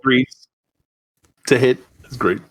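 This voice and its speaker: A man's voice: mid-range voice, slow pace, fairly bright tone. A man playing a tabletop game, talking casually and hesitating with fillers as he thinks aloud. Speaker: player.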